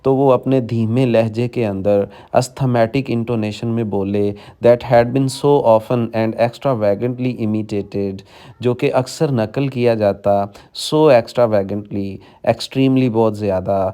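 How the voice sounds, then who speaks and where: A man teaching English in a bilingual lecture, reading the text slowly and explaining it in Urdu to his students. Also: mid-range voice, steady tone, warm tone, clear, resonant tone. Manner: reads English slowly word by word, then explains quickly in Urdu; addresses students directly as children.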